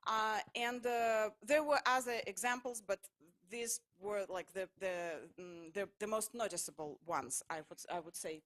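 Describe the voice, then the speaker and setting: Give me a woman giving a public talk in a halting voice of middling pitch, pausing and restarting often. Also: a bit bright. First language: Russian. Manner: halting, full of hesitations and restarts. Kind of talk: lecture-style public talk.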